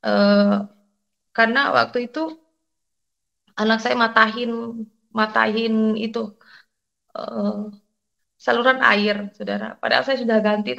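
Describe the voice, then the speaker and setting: A middle-aged woman, telling her faith testimony in an emotional, halting way and addressing listeners directly. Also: medium pitch, creaky, a bit bright, muffled recording. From Indonesia. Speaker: testimony guest.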